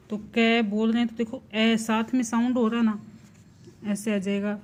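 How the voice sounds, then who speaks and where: A woman teaching a primary class, explaining slowly and deliberately, spelling out sounds one at a time and answering her own questions. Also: a little high, darkish tone, slight background noise. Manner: slow and deliberate, asks the class questions and answers them herself. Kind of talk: slow explanatory lesson.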